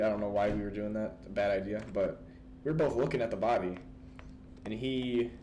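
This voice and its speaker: A man's voice: medium pitch, slight background noise. Rambling young man, faint typing behind. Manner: rambling, many "like" fillers, laughs often. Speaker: gaming video host. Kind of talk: casual gaming chat.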